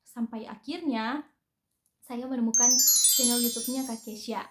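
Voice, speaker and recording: A woman's voice: on the high side, steady tone, normal speed, roomy sound, loud music behind the voice. A young woman from North Sulawesi in Indonesia, talking in a friendly, chatty vlog with hesitant fillers. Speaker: vlogger. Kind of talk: casual personal vlog.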